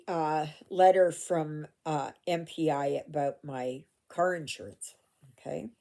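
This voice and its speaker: Recorded on a phone camera at home, this older Canadian cross-stitch vlogger talks casually while stitching, drifting into asides and fillers. Her voice is low and mellow.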